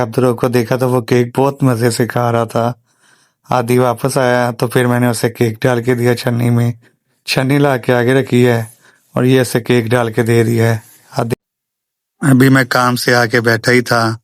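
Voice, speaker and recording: Flat-voiced father narrating a family vlog. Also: medium pitch, moderate pace, no echo. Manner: plain step-by-step recounting. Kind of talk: voice-over storytelling.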